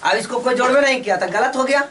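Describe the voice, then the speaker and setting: A woman's voice: fairly high pitch, fairly bright tone, recorded from a distance, a little hiss or hum. Woman teacher drilling from across the room. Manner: repeats questions and answers them herself, slow and drilling. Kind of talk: classroom lesson with call-and-response drills.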